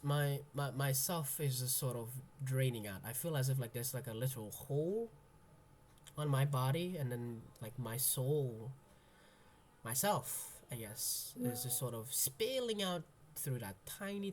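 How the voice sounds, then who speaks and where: A young Indonesian college freshman, whose first language is Indonesian, vents in a personal monologue, speaking slowly and haltingly with many ums and restarts. His mid-range voice is soft, searching and introspective, with slight background noise.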